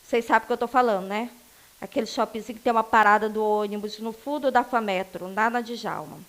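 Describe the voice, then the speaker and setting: A woman's voice: on the high side, fast, a bit bright. A married woman from Northeast Brazil teaching an English class online, chatty and digressive, with teasing asides to her students. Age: adult, married.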